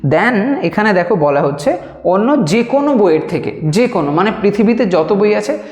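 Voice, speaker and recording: A woman explaining grammar step by step, slowly spelling out example phrases as she writes them. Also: medium pitch, very animated, a little mellow. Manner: slow, drawn-out dictation of English phrases. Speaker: English grammar teacher. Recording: echoey room with long reverb.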